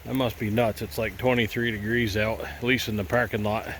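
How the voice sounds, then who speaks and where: Fairly low-pitched and a bit bright, his voice moves little in pitch, and he talks fairly quickly over a slight hiss or hum. A gold prospector with a head cold, he vlogs outdoors beside a cold stream in an easygoing, rambling, think-aloud manner.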